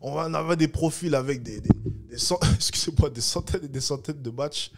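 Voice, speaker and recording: A man's voice: fairly high pitch, fairly quick. A French man hosting a reaction video, making mocking, sarcastic comments in casual commentary.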